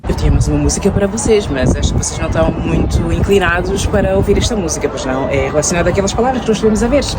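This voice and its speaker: A woman talks in a cheerful, teasing way in a mid-pitched voice. She is outdoors in a city, and loud traffic noise rumbles behind her. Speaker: Portuguese teacher.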